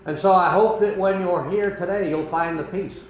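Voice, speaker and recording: An older man preaching a sermon as pastor of a small church, earnest and conversational with pauses. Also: high voice. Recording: echoey room with faint background noise.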